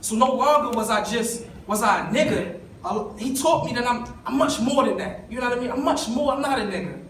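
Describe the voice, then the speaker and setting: A young man with a high voice shares his personal story at a summit, speaking emotionally and conversationally while addressing the audience directly. He's from East Baltimore, and his delivery is lively, slightly quick and a bit bright. Recorded at a distance from the mic in a spacious, echoey conference hall, with a faint room hum behind him.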